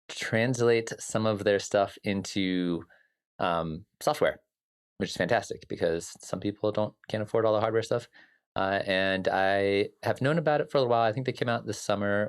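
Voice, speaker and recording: This man talks at a fairly low pitch, his tone clear and resonant though a touch scratchy. Running an informal music production livestream, he chats loosely with frequent fillers, greeting people in chat by name and answering them.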